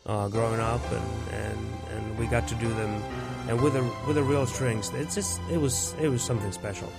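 A man's voice: mid-range voice, steady tone, normal speed, gravelly. A man from Finland, a church music producer thoughtfully answering interview questions. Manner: thoughtful, searching for words.

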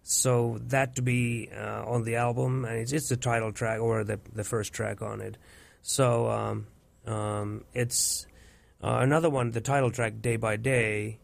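Man, creaky gravelly voice, interview answers, searching for words. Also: mid-range voice, little pitch movement, unhurried. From Finland. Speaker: church worship music producer.

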